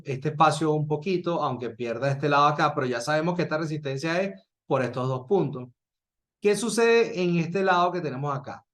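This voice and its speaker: High-voiced man teaching trading. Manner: explains step by step, asks rhetorical questions; checks in with a recurring "¿sí?". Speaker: trading instructor. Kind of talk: screen-share trading lesson.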